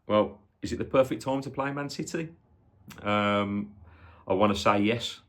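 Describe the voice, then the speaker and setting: Brummie bloke in his 40s, deep-ish voice, chatty football fan vlog, bit rambly and hesitant. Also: a little slow, a bit bright. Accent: Birmingham (Brummie). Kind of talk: casual chat to viewers, match preview.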